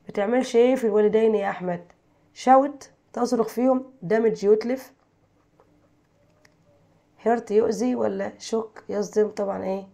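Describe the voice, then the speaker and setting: A woman's voice: medium pitch, creaky, mellow. A woman teacher with an Egyptian Arabic accent, working through textbook exercises, reading English sentences and translating them while quizzing her pupils.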